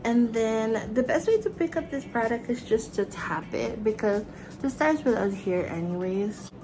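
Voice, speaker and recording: In a low-quality recording, a young woman with a Filipino accent speaks in a fairly high voice. She's a makeup vlogger narrating a casual tutorial from her small bedroom strung with fairy lights, chatty and bubbly as she applies her makeup.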